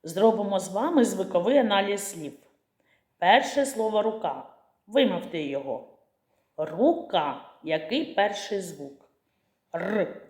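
A woman teaching young children, asking questions slowly and clearly and then answering them herself. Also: medium pitch, expressive, a little mellow, echoey room.

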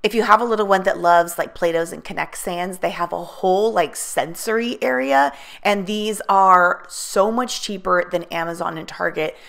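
A woman's voice: lowish voice, moderate pace, vocal fry, few pauses, a bit bright. A woman, a mother of six, narrating a shopping vlog voice-over with upbeat enthusiasm about bargains. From United States. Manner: upbeat, enthusiastic deal-hunting. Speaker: vlogger.

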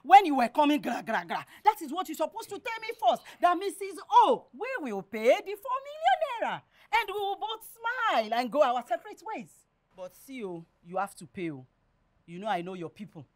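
A woman's voice: sits high, sing-song, fairly quick, a little mellow. A middle-aged woman with a Nigerian Yoruba accent, playing a bossy, scolding landlady in a film drama. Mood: scolding, firm. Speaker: actor in a film. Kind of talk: Nollywood film comedy-drama acting.

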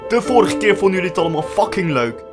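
A man's voice: high-pitched, fairly quick, music in the background. A young man in his late teens, a YouTuber casually joking and swearing as he talks to his viewers. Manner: animated, joking, playfully swearing. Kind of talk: casual vlog, reading comments aloud.

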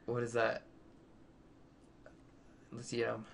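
Jokey young man with a gravelly voice. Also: medium pitch, monotone, slow pace, slight background noise. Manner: jokey, blurts random words, mimics his friend. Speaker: co-player. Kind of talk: casual gaming chat.

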